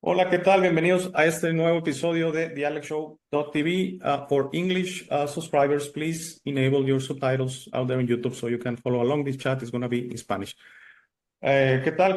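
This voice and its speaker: Hosting a laid-back interview, an Italian-born man raised outside Italy speaks in a darkish, mid-range voice. His delivery is chatty, full of fillers and false starts.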